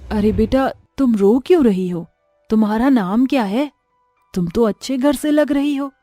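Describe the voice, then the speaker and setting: A woman voicing a gentle, pleading old mother-in-law in a storybook tale, speaking softly and meekly. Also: medium pitch, moderate pace, no echo, soft background music, close to an everyday voice. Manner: soft, meek and pleading. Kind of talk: storybook voice acting.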